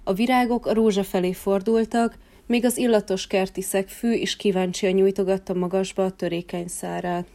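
A woman reading a children's fairy tale in a calm, gentle way. Her voice is mellow and warm, at a middling pitch. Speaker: storyteller. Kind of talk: storybook reading.

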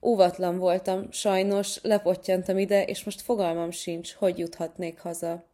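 Woman doing a timid teary little star, soft and plaintive, mellow voice. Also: fairly low pitch, flat delivery, natural voice. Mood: tearful. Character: small lost star girl, timid, tearful and polite.

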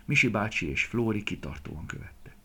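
A man's voice: on the low side, expressive, creaky, a bit bright, breathy edge. A man narrating a children's story expressively, often dropping to a whisper.

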